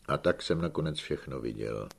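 A man's voice: rumbling low, lively intonation, heavily acted. A man reading the part of a sly, shrewd old peasant uncle who teases and scolds his young nephew in an audiobook. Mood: gruff. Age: older. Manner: teasing, gruff, scolding.

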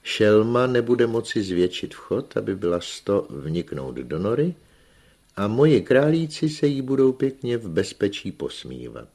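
A self-assured hunchback holds forth about his grand plans in a raised, insistent tone, as a male narrator puts him on. The voice is husky and fairly deep under the lift, with lecturing emphasis on every point. An audiobook reading. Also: big pitch swings, a little mellow. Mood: emphatic. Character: pompous scheming middle-aged male hunchback rabbit breeder.

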